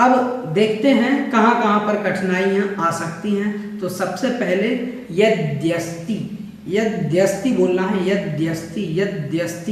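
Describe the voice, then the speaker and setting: Patient male teacher in an echoey room. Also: sits high. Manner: patient, repeats words slowly for practice. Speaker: religious teacher. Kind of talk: scripture pronunciation lesson. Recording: echoey distant room recording.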